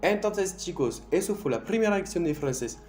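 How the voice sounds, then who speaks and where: Lively French-speaking man teaching pronunciation. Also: sits high, faint music behind. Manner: slow, drawn-out model pronunciations. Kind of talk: online language lesson. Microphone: no proper microphone.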